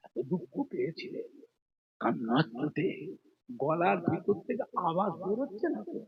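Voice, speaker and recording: A man preaches in a storytelling sermon, his voice high and husky with a gravelly edge. He acts out the story's people and stretches into slow shouted chant at the peaks. The recording sounds dull and lo-fi. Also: sing-song. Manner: acts out a mother's and son's speech in the story; slows into drawn-out, shouted sung chant at climaxes. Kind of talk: Bengali waz sermon, storytelling.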